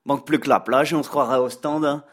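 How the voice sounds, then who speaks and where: Man playing a Belgian French teacher, sarcastic, gossipy, mid-pitched, comic radio editorial. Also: steady tone, quick pace, close to an everyday voice. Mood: teasing. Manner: teasing, sarcastic, peppered with "hein". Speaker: comic columnist.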